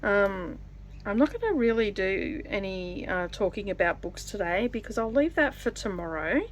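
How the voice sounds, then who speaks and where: A woman's voice: medium pitch, expressive, slight background noise. Woman rambling casually while stitching. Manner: rambling, with many fillers and restarts; pauses to count stitches. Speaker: vlogger.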